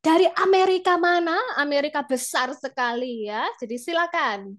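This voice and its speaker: A woman's voice: high-pitched, normal speed, a bit bright. A woman from Malang with an Indonesian accent, politely interviewing as a podcast host. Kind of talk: conversational interview.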